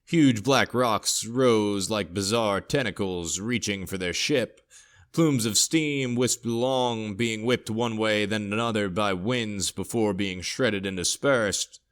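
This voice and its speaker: A man narrating a scripted horror story in a steady, low storytelling voice. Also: slow pace.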